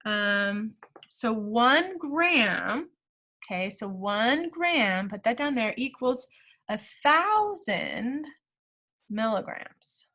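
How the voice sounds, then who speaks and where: A woman's voice: a little high, very animated, drawn-out words, bright, forceful tone. A woman teacher talking through math problem steps aloud in a recorded lesson, checking in with the class as she goes.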